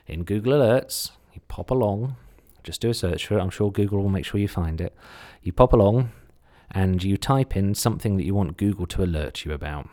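A man's voice: sits low, warm tone. A man with a slight Suffolk English accent giving a casual instructional podcast talk, chatty and full of self-deprecating asides. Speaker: podcast host, content marketer.

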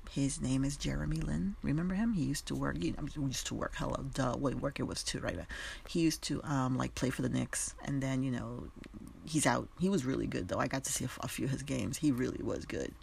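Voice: mid-range voice, a little fast, gravelly, slight background noise. A podcast host, speaking emphatically and conversationally in an opinionated monologue straight to listeners. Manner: emphatic, conversational, addresses listeners directly, casual swearing.

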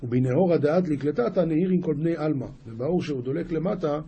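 Rabbi guy, kinda high but mellow, slightly husky, reads a line then explains it, lots of restarts. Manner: reads an ancient passage aloud, then explains each phrase; frequent restarts and self-corrections. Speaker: rabbi teaching a daily text. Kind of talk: religious text lesson.

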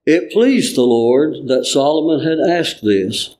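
A man reading scripture in church, formally, with measured and earnest phrasing. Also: on the high side, lively intonation, a little mellow, rough recording.

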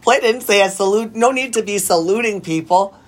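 A woman co-hosting casual radio banter, wry and grumbling, mocking greetings in a high put-on voice. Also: a little fast. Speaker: radio co-host.

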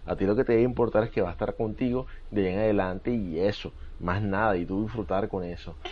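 A man's voice: on the low side, fairly even intonation, fast talker. A man talks casually as a podcast co-host, earnest and opinionated. He repeats phrases to press his point. The recording is a little dull and lo-fi. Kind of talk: casual chat. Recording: slightly dull, lo-fi sound.

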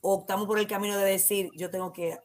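A woman guest counselor with a Dominican accent talks fast on a talk show, her pitch sitting in the middle range. She still sounds calm and teacherly as she explains concepts, frequently answering the questions she asks.

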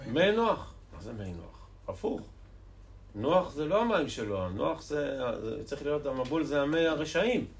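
Man, rabbi, Torah lesson, impassioned, rhetorical questions, hushed to loud swings, mid-pitched voice, faint background ambience. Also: slight background noise. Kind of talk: Torah lesson to a live audience.

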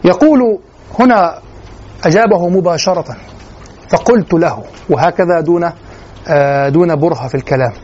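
A man giving a classroom lecture on classical poetry, often stopping to ask the class whether it is clear. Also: on the high side, moderate pace, long pauses, darkish tone. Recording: dull lo-fi classroom recording.

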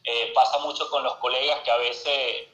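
A Venezuelan man speaks with a Venezuelan Spanish accent at a middle pitch, explaining things fluently and filling pauses with "eh". He is heard over a dull, lo-fi video call, and the room around him sounds echoey. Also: steady tone, pushed and bright. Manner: fluent and explanatory, frequent "eh" fillers. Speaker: interview guest, social media expert. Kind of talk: remote interview, explanatory talk. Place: home in Argentina, video call.

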